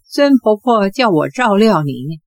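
A woman's voice: mid-range voice, big pitch swings, measured pace, no echo, soft background music. Woman reading as a cold aloof young woman. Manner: cool, curt, dismissive. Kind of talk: audiobook character voice.

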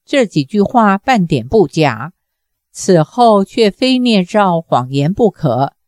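A woman reading a novel aloud as a measured, deliberate narrator. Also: medium pitch, sing-song, darkish tone, no room sound, studio quality. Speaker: audiobook reader.

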